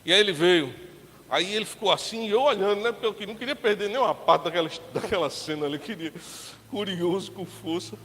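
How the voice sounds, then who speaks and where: A Brazilian pastor with a high, fast, slightly bright voice preaches a sermon in a chatty storytelling style, acting out the people in his tale. He's in a church sanctuary, with long hall reverb and faint background hiss.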